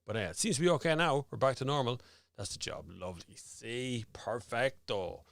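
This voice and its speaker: A man's voice: medium pitch, normal speed, creaky, dry recording, studio quality. An Irish man hosting a casual live stream, rambling and chatty as he sorts out his audio on air. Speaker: host. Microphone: studio microphone with headphones.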